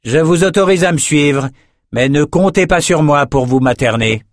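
A man's voice: on the high side, moderate pace, no room sound, studio quality, voice pushed up, close to an everyday voice. A man voicing an arrogant, sly male messenger who speaks in a smug, haughty way. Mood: dismissive.

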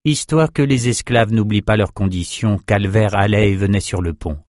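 Reading a fantasy novel aloud from a script, this male audiobook narrator keeps a steady, measured pace in a voice that sits low for a man. There is no room sound; the audio is close and dry.

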